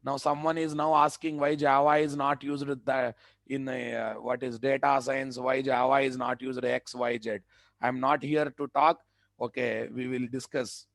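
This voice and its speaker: A man's voice: mid-range voice, level tone, normal speed, vocal fry, fairly bright tone, no room sound. A man with a Telugu accent in Indian English, lecturing students as an instructor, emphatic and repetitive, often checking with rhetorical questions. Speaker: web development instructor. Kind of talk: live online lecture to students.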